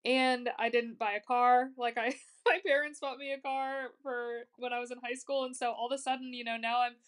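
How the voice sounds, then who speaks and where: A woman's voice: fairly high pitch, level tone, normal speed, clean tone. A woman in her twenties hosting a podcast, chatting casually with lots of "like" fillers and easy laughs. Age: 20s. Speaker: podcast host.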